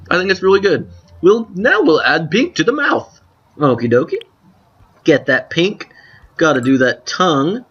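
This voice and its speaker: A man's voice: fairly high pitch, lo-fi sound. A man hosting a let's play of a drawing game, chatting casually with rambling, self-correcting asides to viewers while his voice cracks now and then. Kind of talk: casual gameplay commentary.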